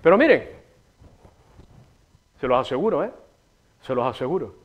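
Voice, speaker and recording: Speaking at a normal speed with a medium pitch, this very animated middle-aged man hosts a local TV program. With a Canarian Spanish accent and sweeping gestures, he delivers a meandering, curse-heavy comedic monologue in a small studio set against a city backdrop.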